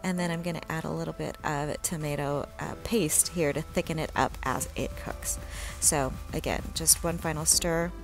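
A young woman talking through her home cooking in a relaxed, chatty voice-over, with frequent ums and little laughs. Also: low voice, normal speed, vocal fry, over music. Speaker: home cook vlogger. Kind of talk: casual cook-along voice-over.

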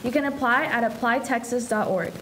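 Student anchor, teen girl, slightly high, even scripted read. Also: a little fast, slight background noise, rough recording. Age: teens. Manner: reads announcements steadily. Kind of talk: scripted school announcements. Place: school TV studio.

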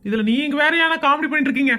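A teasing unmarried neighbor in her late thirties, voiced by a woman for a cartoon comedy. Her voice sits high and she talks fast. She needles everyone in quick, cheeky banter. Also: sharp tone. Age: 30s. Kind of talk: animated comedy voice acting.

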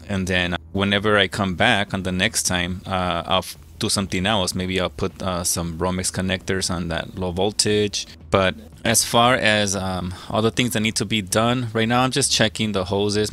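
Low-voiced HVAC tech talking while working. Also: male voice. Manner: relaxed, explains step by step with fillers. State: a little out of breath from wearing a mask. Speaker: HVAC technician. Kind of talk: casual how-to narration while working. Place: house basement and yard, on a service call.

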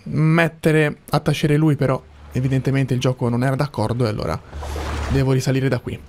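A man's voice: mid-range voice, little pitch movement, a little fast, noisy background. A man giving casual gameplay commentary, sarcastic and half talking to himself. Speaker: gaming video host. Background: game music.

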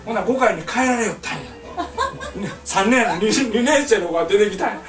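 A man's voice: high voice, brisk, roomy sound, recorded from a distance, over music. An older man with a Kansai accent telling a comic family story, acting out voices and laughing through his lines. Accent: Kansai Japanese. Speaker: painter telling stories to a small audience.

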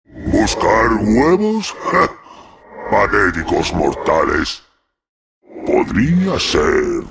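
An actor playing an arrogant, menacing demon lord in a video game, with a gravelly voice, Castilian Spanish accent and grandiose, commanding delivery. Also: male voice, medium pitch, background noise, full character voice. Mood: haughty. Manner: grandiose, theatrical, slow and commanding. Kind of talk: theatrical game character lines.

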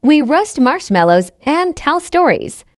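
The sound is dry and close with no echo as a woman, narrating stories for English learners, reads a simple tale at a measured pace. Her voice is high and lively, each phrase carefully enunciated, and she repeats sentences exactly as a teaching read.

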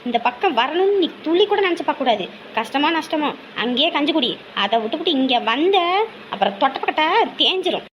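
A woman's voice: high voice, lively intonation, fairly bright tone, a little hiss or hum. A middle-aged woman playing a bossy mother who scolds and advises her grown son. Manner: bossy, scolding, quick-fire advice.

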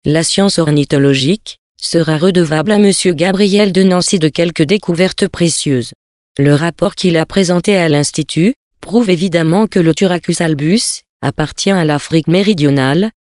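A reader narrating a classic tale in a measured, steady way. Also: medium pitch, no room sound, clean studio sound. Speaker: audiobook reader.

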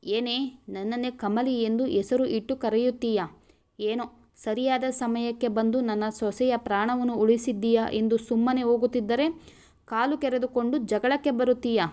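A woman voicing a worried, sharp-tongued older village mother-in-law in a storybook reading. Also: fairly high pitch, fairly even intonation, moderate pace, natural voice. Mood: quarrelsome. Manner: scolding, fussy.

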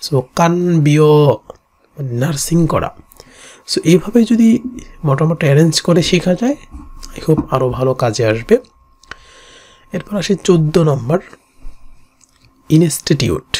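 A teacher with a Bangladeshi Bengali accent leads a kanji lesson, saying each reading twice and walking through the strokes. The voice is dark and mellow at a middling pitch. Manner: repeats each reading slowly, explains stroke by stroke.

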